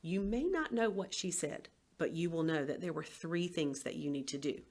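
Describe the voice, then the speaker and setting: A woman's voice: deep voice, expressive, normal speed, darkish tone. A woman, a former teacher, giving an educational presentation and acting out tones of voice as she explains.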